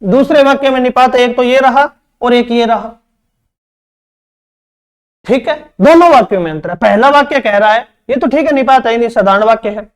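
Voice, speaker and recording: A man's voice: very high voice, normal speed, long pauses. A man teaches grammar for an exam. He repeats each phrase, poses questions and answers them himself, and calls his students "beta". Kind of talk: exam-prep grammar lesson.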